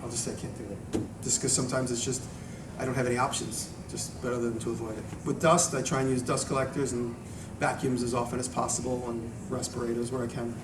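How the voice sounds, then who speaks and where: A man gives an informal talk and answers questions in a conversational, meandering way, often restarting his thought. His voice sits at an average pitch and is picked up from a distance in a reverberant room, with clear noise behind him. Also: level tone, fast talker, few pauses. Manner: conversational, rambling, self-interrupting. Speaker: video maker giving a talk and taking audience questions. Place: echoey room at a live event. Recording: echoey room, distant mic, noisy background.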